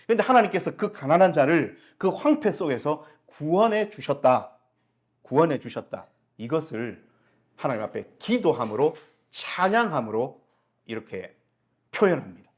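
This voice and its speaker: His voice sitting on the high side, this middle-aged male preacher works through his Sunday sermon by asking the congregation questions he goes on to answer on his own.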